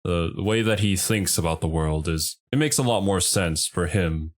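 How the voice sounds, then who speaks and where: Low-voiced man giving casual streamer commentary. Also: normal speed. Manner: conversational, musing. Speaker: streamer reacting to a video. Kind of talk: casual off-the-cuff reaction commentary.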